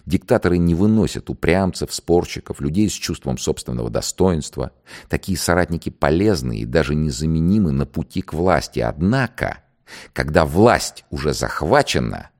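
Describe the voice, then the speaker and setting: A calm, dignified male poet under arrest, reasoning quietly and steadily, as a man reads him in a dramatized dialogue. The voice is very low and gravelly, measured and reflective. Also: full character voice.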